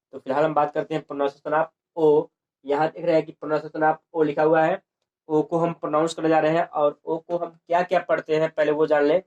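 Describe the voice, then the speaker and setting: A man's voice: a little high, darkish tone, lo-fi sound. A man teaching a lesson on English pronunciation, repeating points and asking and answering his own questions.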